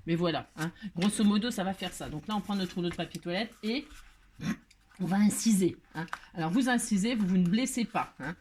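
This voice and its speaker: A woman's voice: medium pitch, slight background noise. A woman hosting a casual craft tutorial, chatty and self-mocking, full of fillers and repeated asides.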